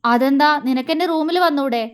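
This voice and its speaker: A young male lover in an audio romance story, grave and measured in how he questions her, though soft underneath. A woman narrator puts him on, and her voice stays high even in this role. The reading is slow and unhurried. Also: natural voice. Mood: stern. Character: young man, stern but tender lover.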